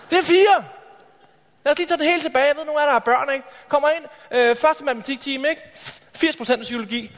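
Man, very high voice, motivational stage talk, energetic, asks the crowd questions, long hall reverb. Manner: energetic, addresses the audience directly with rhetorical questions. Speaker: motivational speaker. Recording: reverberant hall, dull lo-fi sound.

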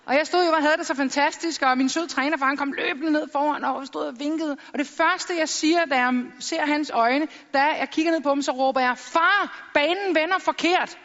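A woman in middle age tells stories on stage with quick humour, acting out the voices of the people she quotes. Her voice sits high, and it carries into a large hall with a long echo. The sound is a bit dull, as if from a plain stage microphone. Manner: lively storytelling with jokes and acted-out quotes. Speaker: public speaker. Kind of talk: stage talk.

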